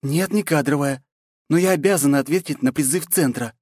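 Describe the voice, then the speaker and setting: A man's voice: a little high, a little fast, darkish tone, dry recording, clean studio sound, pitched above the performer's own voice, lightly acted. A man reading an audiobook, voicing a serious, dutiful young woman who takes everything literally. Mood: businesslike. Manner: serious and businesslike.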